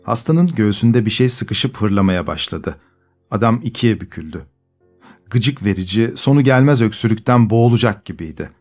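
A man reading a classic short story aloud in measured, scripted narration. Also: lowish voice, lively intonation, darkish tone, faint music behind. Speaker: audiobook narrator.

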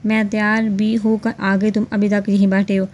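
A jealous, spoiled young woman with a sharp tongue, read by a woman narrator. She scolds in a haughty, dark-toned voice at a middle pitch. It is a spoken romance storybook. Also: flat delivery, moderate pace, lightly acted. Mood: angry, sulky.

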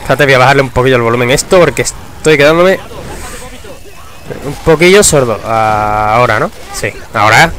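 A young man giving casual, excitable gameplay commentary, swearing and breaking into shouts. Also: mid-range voice, moderate pace, a little hiss or hum. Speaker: gamer. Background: game music.

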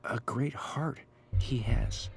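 An actor playing a creepy, cryptic middle-aged groundskeeper in a video game, speaking in a measured, slow, ominous drawl. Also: male voice, medium pitch, slight background noise. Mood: cryptic, calm. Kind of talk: video game character dialogue.

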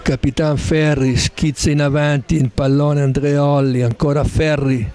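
A man's voice: on the high side, little pitch movement. A man doing live football commentary, the kind that erupts at goals. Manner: erupts into drawn-out shouts at goals. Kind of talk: live Italian-style football goal commentary. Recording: crowd noise around the commentary. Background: match crowd.

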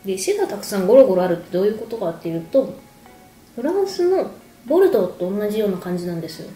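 With big swings in pitch from a medium-range, mellow voice, this woman in her thirties fires off her casual wine explanation rapidly. The video host drinks and snacks as she talks to camera, recorded in an echoey home room with music behind her.

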